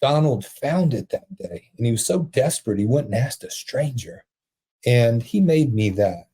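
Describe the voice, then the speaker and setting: A man telling a heartfelt story as a podcast guest, earnest and emotional, with soft laughs. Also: mid-range voice, lively intonation, moderate pace, husky. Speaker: podcast guest, prison ministry founder.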